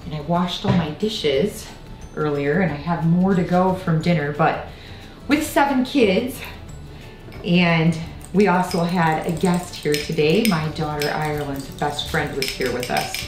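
A woman's voice: deep voice, unhurried. A woman in her thirties from Iowa chatting through a home baking tutorial in her kitchen, rambling into asides as she works, filmed by a camera set across the room. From Iowa, United States. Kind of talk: casual baking tutorial chat. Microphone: far camera on a tripod. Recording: roomy kitchen with faint music.

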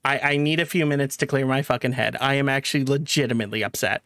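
A man's voice: mid-range voice, steady tone, fast, a bit bright, dry recording, studio quality. A male game streamer talking live as he plays, swearing constantly, stammering and restarting his sentences, frustrated and angry.

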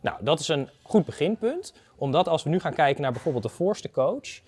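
A man's voice: on the high side, very animated, a little fast, darkish tone, slightly rough. A man in his thirties giving a conversational technical explanation as an expert guest, didactic and step by step. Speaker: expert guest, data analyst. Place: indoor garden atrium of a university building.

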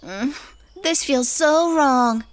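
A woman voicing a sweet, easygoing young woodland sprite in a children's cartoon, girlish and expressive. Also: high voice, slow pace, a little hiss or hum. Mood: playful, curious.

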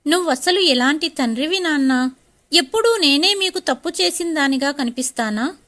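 A woman's voice: sits high, animated, moderate pace, bright, forceful tone. A woman voicing a stubborn, upset young wife in a storybook reading.

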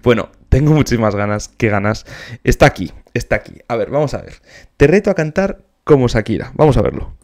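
Musician guy reacting to a video, excited, breaks into little bits of singing, mid-pitched voice. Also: fairly quick. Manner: enthusiastic, sings short snatches to demonstrate. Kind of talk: casual reaction commentary.

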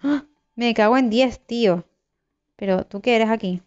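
A young woman from giving live gameplay commentary, excitable, swearing and talking to her viewers. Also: fairly high pitch, normal speed, smooth, lo-fi sound. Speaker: gaming YouTuber.

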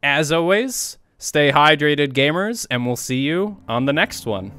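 A man's voice: on the high side, lively intonation, a little slow, bright, forceful tone. A man hosting a gaming podcast, giving a friendly, loosely worded wrap-up and thanking his guests. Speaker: podcast host. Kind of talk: casual podcast outro.

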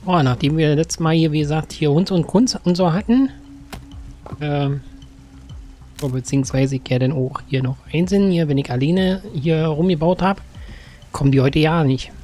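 A man's voice: fairly high pitch, moderate pace, slight background noise. Chatty man narrating his gameplay. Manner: chatty, talks to game characters, sudden excited outbursts. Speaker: gaming let's-player. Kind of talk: casual gameplay commentary. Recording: faint game music behind.

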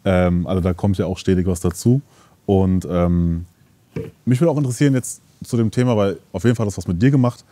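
Casting: male host, very deep mellow voice, relaxed rambling questions, dry studio sound. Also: fairly quick, no echo. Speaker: interview host. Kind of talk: casual interview questions. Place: dark studio set, seated on leather couch.

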